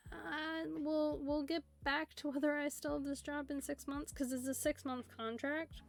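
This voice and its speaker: A woman's voice: high voice, little pitch movement, moderate pace, vocal fry. A woman in her twenties with an American West Coast accent, chatting casually on a stream and rambling with lots of fillers. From United States, Seattle area. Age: 20s. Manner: rambling, filler-heavy talk with many "like"s. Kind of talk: casual chat. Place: home streaming setup. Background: faint music playing.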